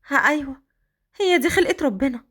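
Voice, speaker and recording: A woman with an Egyptian accent voicing a timid young orphan girl who pleads in a quick, anxious way. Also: high voice, animated, a bit bright. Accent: Egyptian Arabic.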